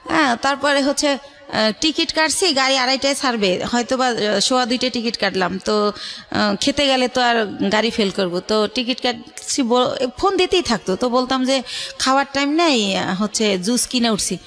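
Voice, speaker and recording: Her fairly bright, rather high voice moves at a moderate pace. She's a middle-aged guest on a radio interview, speaking in a colloquial Bangladeshi accent as she recounts her personal story conversationally and voices the dialogue she reports.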